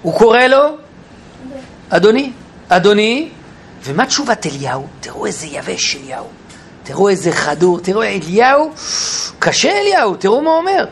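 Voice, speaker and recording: A man teaching a Bible class in an animated way, questioning his listeners and acting out quotes. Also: high voice, long pauses, slight background noise. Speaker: Torah teacher. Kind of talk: lively Bible class lecture.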